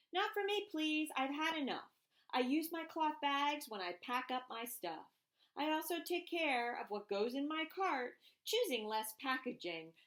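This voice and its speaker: Reading a rhyming picture book for children aloud, a woman speaks in a high voice with a fairly bright tone. She reads expressively and deliberately, leaning on emphasised phrases.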